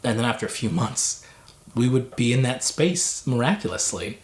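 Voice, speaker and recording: A man's voice: mid-range voice, lively intonation, normal speed. A man in his twenties, born in Tanzania, giving a rambling personal testimony with frequent restarts. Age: 20s. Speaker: former missionary kid sharing testimony. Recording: roomy echo.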